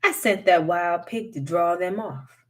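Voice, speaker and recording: A woman voicing a menacing male swamp monster who taunts and schemes in a gruff way, for a read-aloud folktale. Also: lowish voice, unhurried, lightly acted. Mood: dismissive.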